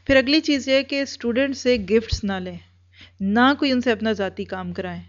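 A woman with a somewhat high voice trains group leaders in an earnest instructional talk. She repeats her points and backs each one with everyday examples. The recording sounds dull and lo-fi.

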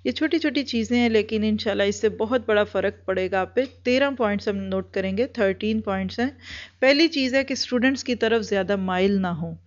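A woman in an earnest instructional talk, training group leaders and driving points home with repeated everyday examples. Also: medium pitch. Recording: dull lo-fi recording.

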